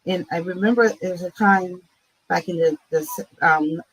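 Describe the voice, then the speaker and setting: A woman's voice: fairly low pitch, moderate pace, a little hiss or hum, poor audio. A woman from Barbados, a guest speaking reflectively in an interview and often asking "right?". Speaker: guest, nonprofit CEO. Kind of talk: conversational interview.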